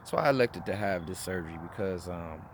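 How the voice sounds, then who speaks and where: A man's voice: deep voice, animated, a little fast, background noise. A man in his forties casually reviewing his own experience in a vlog, rambling with frequent restarts and fillers. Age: 40s. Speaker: vlogger.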